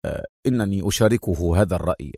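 Brief: man playing a steely agent hero, deep and quiet, firm delivery. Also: normal speed, no echo, studio quality. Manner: firm, low, restrained. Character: firm, composed male secret agent hero. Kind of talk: audiobook character voice.

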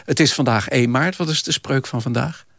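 A man's voice: medium pitch, brisk, vocal fry, fairly bright tone, no room sound, studio quality. A man from Eindhoven hosting a radio interview, asking curious, brief questions. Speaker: radio host.

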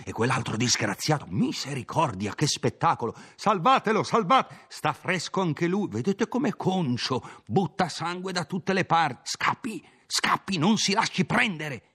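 Shrill panicky townsfolk crowd in a storybook reading, high and excited, voiced by a man, rapid exclamations. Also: slightly rough, exaggerated voice. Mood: alarmed, excited. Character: frantic townsfolk crowd, gasping, gossiping.

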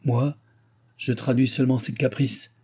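Mysterious male sorcerer, read by a man, solemn, threatening, husky dark voice, audiobook. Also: mid-range voice, steady tone, measured pace. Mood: solemn warning. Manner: firm, solemn, quietly threatening.

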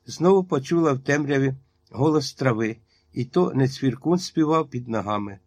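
A man reading a literary story aloud as audiobook narration, with a measured, even delivery. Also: medium pitch. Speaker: reader.

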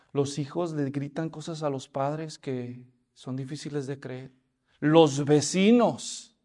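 A man's voice: mid-range voice, darkish tone. A man preaching a sermon, telling the story and asking the congregation questions. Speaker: pastor.

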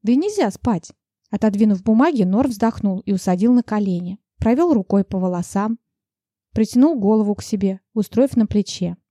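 Brief: female audiobook narrator, first person, mellow and measured, dry booth sound. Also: medium pitch, expressive, no room sound.

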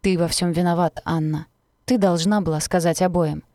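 A woman's voice: lowish voice, steady tone, normal speed, dark tone, no echo, studio quality, lightly acted. A woman reading the part of a bitter teenage boy in an audiobook who taunts and blames the girl he speaks to. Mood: taunting. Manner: taunting, venomous.

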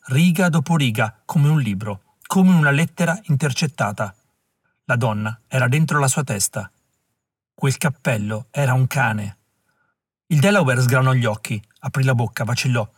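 A male audiobook narrator reading with measured, dramatic pacing. His voice has a husky grain, recorded dry and close with no room sound. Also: mid-range voice, no room sound. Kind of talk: scripted narration.

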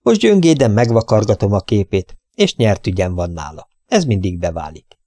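A man reads a first-person story aloud in a calm, steady way. His voice sits fairly low and sounds dry and close to the mic, with no room sound. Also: dry recording. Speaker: audiobook reader. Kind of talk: first-person audiobook narration.

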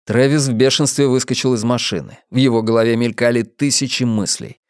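A man's voice: mid-range voice, fairly even intonation, brisk, darkish tone, no echo. Male audiobook narrator, dry sound. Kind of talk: scripted narration. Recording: dry close studio sound.

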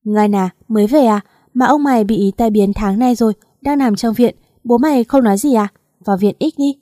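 A woman's voice: on the high side, fairly quick, warm tone, no room sound, clean studio sound, natural voice. A woman voicing an elderly male neighbor who speaks bluntly and plainly, in a spoken story.

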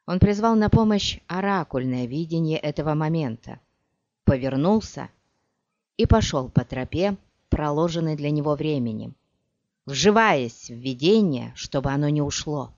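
An audiobook narrator reading in a slow, measured manner. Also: mid-range voice, animated, a little mellow, dry recording. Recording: dull lo-fi dry audiobook recording.

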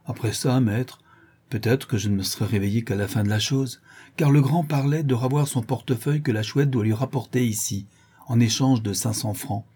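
Man doing a rough Parisian brawler, slangy, rambling, loyal, husky tone. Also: mid-range voice, normal speed, dark tone, natural voice. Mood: confiding. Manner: street slang, rambling storytelling.

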